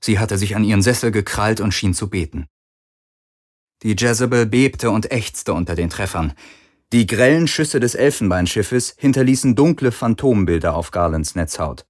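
A man narrating a science-fiction audiobook in a measured, steady way. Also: lowish voice. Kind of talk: scripted narration.

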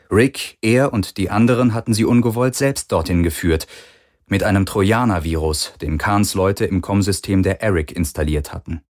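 A man narrating a science fiction audiobook in a steady, dramatic way. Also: on the low side. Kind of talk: scripted narration.

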